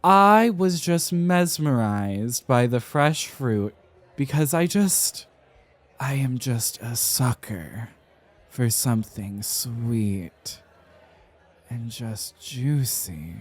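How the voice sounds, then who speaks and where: Kaveh, a man acting a theatrical, unhurried young scholar. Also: medium pitch, expressive. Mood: dreamy, indulgent. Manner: theatrical, enunciated, halting with sighs and flourishes. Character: flustered, dramatic, tipsy young male scholar, affectionately defensive. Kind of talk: ASMR roleplay, acted one-sided conversation.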